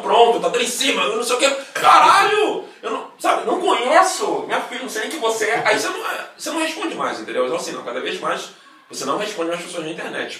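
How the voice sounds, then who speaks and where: A Brazilian man in casual chat, animated and swearing freely as he mimics other people. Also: a little high. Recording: roomy, distant mic, faint noise.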